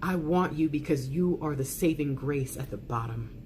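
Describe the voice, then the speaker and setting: A woman with a fairly low voice reads love messages in a soft ASMR style. Her delivery is intimate and earnest, shaped by dramatic pauses. Some ambient noise sits behind her voice. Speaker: tarot reader reading out love messages. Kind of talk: soft ASMR love letter reading, spoken as the absent partner.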